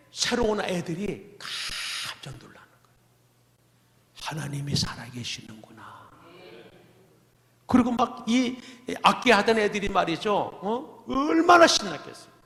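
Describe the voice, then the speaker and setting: A middle-aged male pastor preaching a testimony sermon, telling his stories with animated, exclamatory asides. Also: high-pitched, creaky, roomy sound, long reverb tail.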